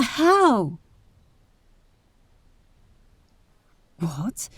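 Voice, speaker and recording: Here the same heiress role, a bold adventurer, is delivered slowly and intimately by a woman with a medium-pitched, slightly mellow voice in a dry room. She addresses the listener with caring wariness, breathy asides and hesitant pauses, her mood sober and resolved.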